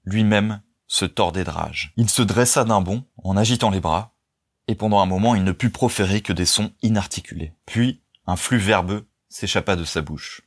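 A man reading a novel aloud as narrator, in a measured, even storytelling manner. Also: lowish voice, husky. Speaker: audiobook narrator. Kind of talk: scripted narration.

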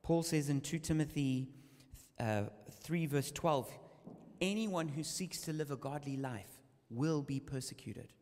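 A man's voice: fairly high pitch, unhurried, a little mellow. A man preaching a sermon in English with a live interpreter, telling a story dramatically. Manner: dramatic storytelling, rising and falling with the tale. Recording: reverberant hall sound.

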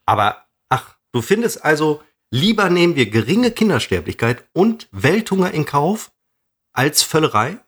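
A man with a husky voice teases his co-host in a casual podcast, ironic and mock-calm. His pitch swings widely as he twists words with a showman's flair. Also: normal speed.

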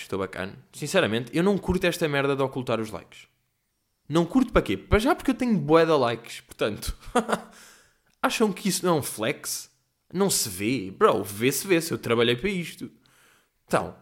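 A young man with a European Portuguese accent hosts a casual Q&A, ranting animatedly and swearing a lot. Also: medium pitch. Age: young adult. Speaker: host. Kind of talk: casual chat, Q&A rant.

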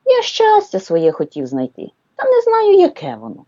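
Woman doing a squeaky wistful little bunny. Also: wildly swooping pitch, normal speed, mellow, dry recording, highs cut off, heavily acted. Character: timid little boy bunny seeking happiness.

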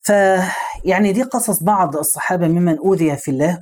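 راجل مصري بيحكي بسرعة بصوت مبحوح. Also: male voice, sits high, fairly quick, a little mellow. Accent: Egyptian Arabic. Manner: conversational, asks the listener rhetorical questions. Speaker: Islamic preacher. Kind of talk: religious storytelling lesson.

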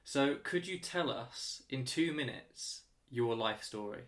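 Measured man hosting a podcast. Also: mid-range voice, lively intonation, fairly bright tone. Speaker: podcast host. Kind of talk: scripted podcast introduction and interviewing.

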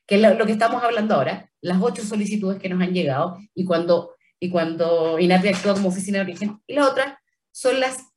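A woman's voice: mid-range voice, quick pace, darkish tone, far from the mic. A woman with a Chilean accent, a trademark office official answering interview questions carefully, with many fillers and restarts. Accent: Chilean Spanish.

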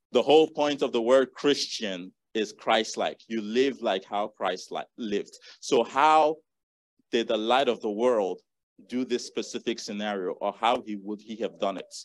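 A man's voice: mid-range voice, no room sound. A man preaching a sermon, earnestly reading and repeating scripture verses to the congregation.

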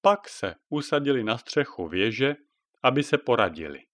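A father spinning a fairy tale for his child, his mid-range voice rising and falling with animated expression. The recording is dry and close, with no room sound. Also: medium pitch, dry recording. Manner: lively, expressive. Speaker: father telling a bedtime story. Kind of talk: storytelling narration.

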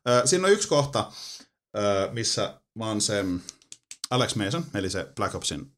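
Lively animated man chatting casually. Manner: animated, swears, jumps into high-pitched exclamations. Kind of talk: casual chat about video games.

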